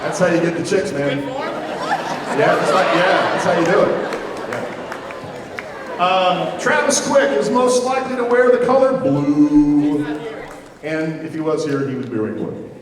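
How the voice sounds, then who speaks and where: A man's voice: on the high side, expressive, unhurried, long pauses, noisy background. A man, a school band director, announcing students at a concert in a teasing, joking way. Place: large indoor hall with an audience. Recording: echoey hall, distant mic, loud crowd.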